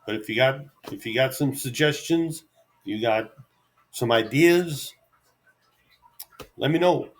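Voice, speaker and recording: Unscripted and on his own, a middle-aged vlogger rambles to viewers in a mid-range voice with lively intonation. He comes across as easygoing and halting, often poking fun at himself.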